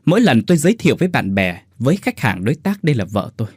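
A man's voice: medium pitch, very animated, racing, darkish tone, breathy edge, no room sound, studio quality. A man voicing a cold, contemptuous husband who snarls through gritted teeth.

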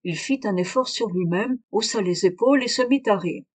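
A woman narrating an audiobook in an even, clear storytelling manner. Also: mid-range voice, moderate pace. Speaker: audiobook reader.

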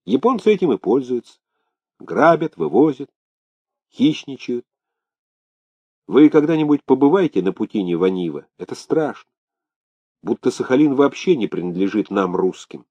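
A man's voice: medium pitch, expressive, moderate pace, pauses often, mellow, no room sound, voice pushed up, lightly acted. A brooding army officer from a spoken storybook, venting with bitter indignation, as a male reader acts him out. The voice is lifted above the reader's own and rises and falls a lot, with a dull, lo-fi sound.

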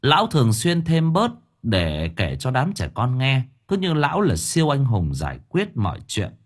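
A man narrating a spooky audiobook story in an expressive, vivid way. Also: medium pitch, normal speed, slightly rough. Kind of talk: dramatic horror story narration.

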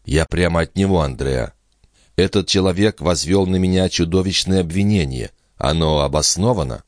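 A man's voice: low-pitched, normal speed, no echo, studio quality, natural voice. A man reading an audiobook and voicing a young nobleman as a protective brother, in a solemn, restrained, consoling voice. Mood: grave. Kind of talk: audiobook character voice.

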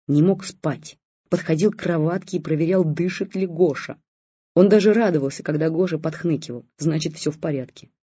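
Audiobook narrator, calm storytelling, husky and dry, lo-fi sound. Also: mid-range voice, no echo. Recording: dull lo-fi recording.

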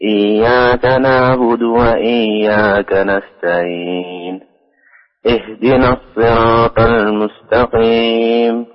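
A male caller chants the verses at a very slow, measured pace. The line is dull and lo-fi. A long reverb hangs behind each phrase. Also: medium pitch, level tone. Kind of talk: Quran recitation.

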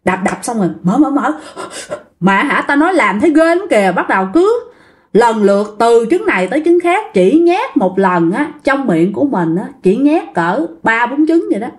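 A woman's voice: on the high side, very animated, moderate pace. A woman telling a ghost story in a casual, chatty way, speaking straight to her listeners. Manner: chatty, addresses listeners directly.

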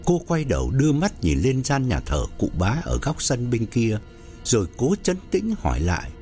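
A man narrating an audiobook story in a measured storytelling way. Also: huge pitch swings, a little mellow, soft background music. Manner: measured storytelling with wide pitch swings.

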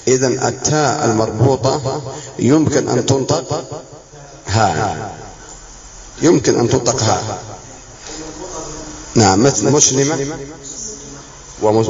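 A man teaching a spelling lesson to a class, speaking slowly, repeating examples and quizzing his students. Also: mid-range voice. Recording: echoey classroom, dull sound, students around.

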